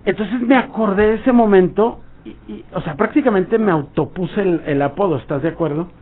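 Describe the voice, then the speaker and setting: On a radio show, a Mexican man with a high, fairly quick voice tells a rambling anecdote, acting out snippets of dialogue. The sound is tinny, like a phone line.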